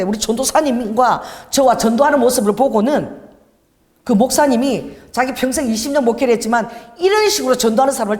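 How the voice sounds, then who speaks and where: A woman preaching from the pulpit, her voice swinging lively up and down as she tells her stories. She breaks into laughter and calls out exclamations, and the sound rings with a long reverb in a church hall. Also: a little high. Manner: animated storytelling with bursts of laughter and exclamations. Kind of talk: sermon.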